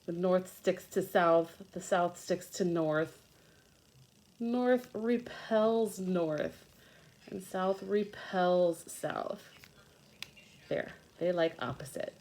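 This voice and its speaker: A woman teacher reads a lesson aloud to young children, adding patient explanations in simple words, with repetition and questions. Her voice is on the low side and a little mellow, and she draws out her words.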